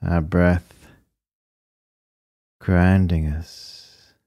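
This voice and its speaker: In a low, mellow voice, a man leads a breathing meditation, speaking slowly and soothingly with long pauses between short, calm phrases. There's no room sound.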